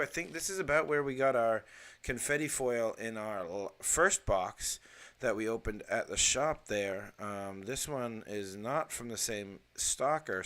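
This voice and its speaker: A man's voice: mid-range voice, no echo. Chatty man unboxing cards, dry sound. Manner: chatty, rambling with fillers and excited exclamations. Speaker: card unboxing host. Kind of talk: casual live unboxing chat.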